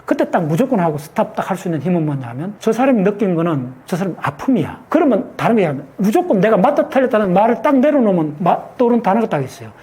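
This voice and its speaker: Emphatic, fast-talking man. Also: high voice, very animated, darkish tone. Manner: emphatic, asks rhetorical check-in questions. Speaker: guest scientist. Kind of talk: explanatory talk on a show.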